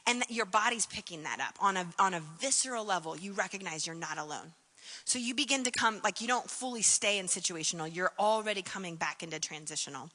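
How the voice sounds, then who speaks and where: A woman's voice: mid-range voice, fast, bright, forceful tone, long reverb tail. A woman giving a conference keynote in a conversational, reflective way, full of "like" and "um" fillers. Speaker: keynote speaker.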